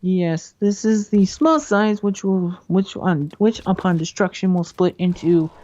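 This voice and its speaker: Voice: medium pitch, a little slow, a little mellow. A guest mod author methodically explaining game mechanics, often restarting sentences. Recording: dull lo-fi mic.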